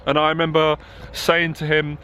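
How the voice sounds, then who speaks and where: Emotional high-voiced man talking to camera. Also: monotone, normal speed, bright, forceful tone, a little hiss or hum. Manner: open and emotional, growing passionate. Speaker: dating confidence coach. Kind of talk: candid talk to camera. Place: outdoors in a town.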